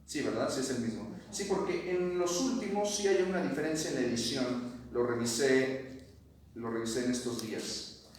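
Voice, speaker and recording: A man's voice: mid-range voice, moderate pace. A man teaching a Bible study class, asking questions and reading verses aloud. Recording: echoey room, mic at a distance.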